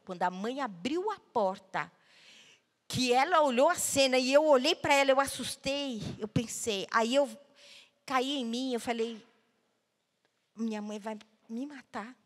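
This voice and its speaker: A woman, a guest speaker, telling a personal story to an audience, swinging between loud outbursts and hushed low tones. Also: measured pace. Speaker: guest speaker at a panel talk. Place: large hall at a cultural center. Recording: long hall reverb.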